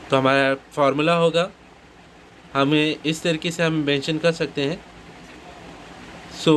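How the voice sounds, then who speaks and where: A man with an Indian accent teaching maths. He reads each question slowly and explains it step by step, mixing Hindi and English. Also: a little high, a bit bright, slight background noise, low-quality recording. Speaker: maths tutor. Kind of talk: explaining solved maths sums.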